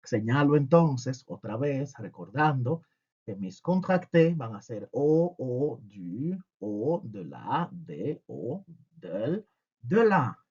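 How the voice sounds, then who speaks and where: A man's voice: medium pitch, very animated, slow pace, a little mellow, husky, highs cut off. A man teaching a French lesson with humor, asking and answering his own questions.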